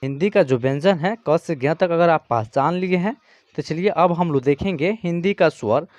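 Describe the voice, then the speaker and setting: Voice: mid-range voice, normal speed, a little mellow, no echo. An online teacher giving a patient beginner's lesson, reciting letters one by one and often adding small check-in fillers. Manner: patient, repeats "theek hai" and "jo hai" fillers.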